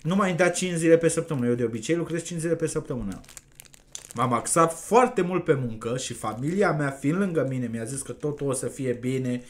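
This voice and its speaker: A man's voice: mid-range voice, lively intonation. A man being interviewed, speaking bluntly and confessionally about his own life. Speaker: guest. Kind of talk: candid interview talk.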